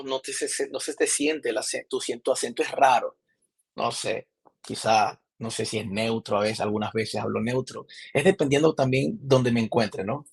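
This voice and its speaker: A young Venezuelan man with a Maracaibo accent, a podcast guest chatting casually and telling animated stories with many restarts. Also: medium pitch, creaky, slightly rough. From Venezuela, Zulia. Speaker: podcast guest, film director. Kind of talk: casual interview chat.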